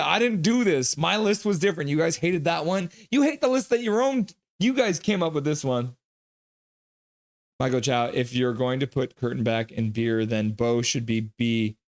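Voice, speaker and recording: Reading the chat aloud and cracking loose jokes, a medium-pitched man hosts a live hockey stream. Now and then he breaks into brisk play-by-play.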